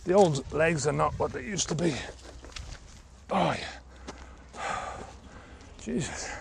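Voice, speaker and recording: A man's voice: fairly high pitch, expressive, slow, gravelly, background noise. A man of about fifty, a sobriety coach, talking casually in a vlog while walking an outdoor trail, rambling with many fillers, filmed on a handheld camera at arm's length.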